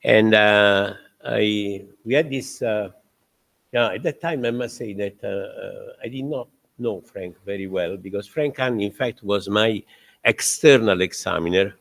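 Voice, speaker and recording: An older man gives a formal lecture introduction in a fairly low voice. He talks haltingly, with frequent filler pauses, and chuckles as he tells his stories. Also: vocal fry, a bit bright. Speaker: professor introducing the guest lecturer.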